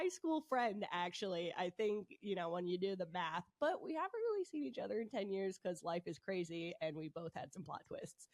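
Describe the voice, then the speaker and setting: A woman's voice: medium pitch, a little mellow, no echo. A woman hosting an interview podcast, bubbly and enthusiastic, with a stuffy nose from a head cold. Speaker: podcast host.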